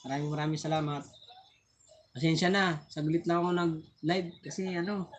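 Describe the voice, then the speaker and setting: A man's voice: fairly high pitch, fairly even intonation, moderate pace, slight background noise. A man hosting a casual live stream on his phone, chatting and laughing often as he thanks viewers, sometimes tripping over his words.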